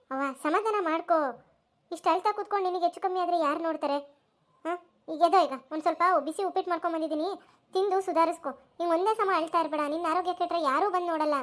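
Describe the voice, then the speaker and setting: A fussy village woman fills this cartoon scene, scolding and mothering in a very high, piping voice, as a woman acts her out. She talks in a quick, bustling stream. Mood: consoling. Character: caring, bossy village woman, elder-sister type. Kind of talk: cartoon voice acting.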